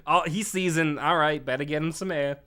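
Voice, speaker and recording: A man's voice: a little high, brisk, pushed and bright, clear, resonant tone. A man playing in a tabletop game, chatting casually about it, laughing often and swearing freely. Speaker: player.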